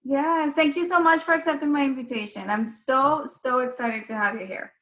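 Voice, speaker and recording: A woman's voice: high voice, moderate pace, a bit bright. A woman hosting an online interview, eager and effusive in her welcomes. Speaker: summit host.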